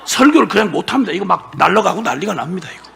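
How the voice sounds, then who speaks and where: An older man preaching a sermon as a pastor, telling his testimony emotionally with bursts of shouting and laughter. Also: high-pitched, sing-song, rapid-fire, vocal fry. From South Korea.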